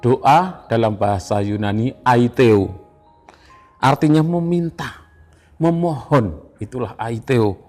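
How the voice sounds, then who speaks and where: A man with an Indonesian accent preaching an evening devotional sermon, slow and emphatic, repeating phrases. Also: medium pitch, a little mellow, faint music behind. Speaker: pastor.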